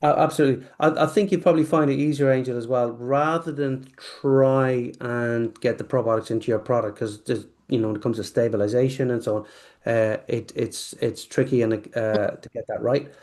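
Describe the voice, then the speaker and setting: Man from the UK in a casual interview; halting, restart-heavy delivery. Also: mid-range voice, steady tone, darkish tone. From United Kingdom. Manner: halting, many restarts and fillers. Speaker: probiotics company guest.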